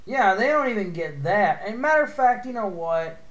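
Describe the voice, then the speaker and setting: A man's voice: high voice, lively intonation, normal speed, fairly bright tone, echoey room, dull audio. A man in his thirties in casual chat, blunt and complaining, with frequent swearing. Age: 30s.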